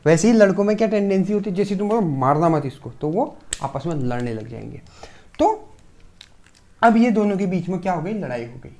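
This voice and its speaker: A male lecturer patiently explains a science topic to his students. He keeps asking questions and answering them himself, and pauses often to confirm they have understood. The technical vocabulary comes through as English terms woven into his sentences. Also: sits high, expressive, mellow. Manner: asks rhetorical questions and keeps checking in with "okay". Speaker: pharmacy lecturer.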